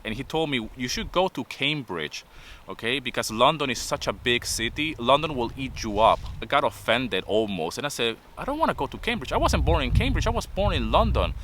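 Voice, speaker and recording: A man in his fifties, a vlogger and native Spanish speaker with a Venezuelan accent, gives an earnest motivational talk to camera, repeating points with "okay?". His voice is medium-pitched and a bit bright, with a little hiss or hum.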